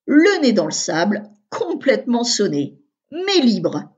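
A woman narrating a children's story with a husky, fairly high voice and an expressive, animated reading. The recording sounds dull and lo-fi. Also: slow pace.

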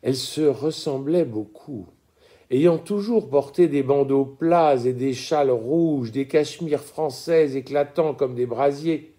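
Slow, dark-voiced male narrator. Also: mid-range voice. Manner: slow, measured, expressive reading. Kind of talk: audiobook reading of a classic story.

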